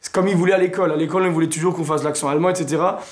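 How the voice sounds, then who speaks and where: Young man, singer in an interview, slightly high voice, halting, filler-heavy delivery. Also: steady tone. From Alsace, France. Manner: hesitant, many fillers and restarts. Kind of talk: interview answers.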